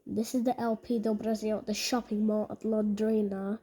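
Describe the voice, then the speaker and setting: A woman giving casual vlog commentary in a halting, repetitive way, often restating her phrases. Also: medium pitch, flat delivery, dark tone, a little hiss or hum. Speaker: video narrator.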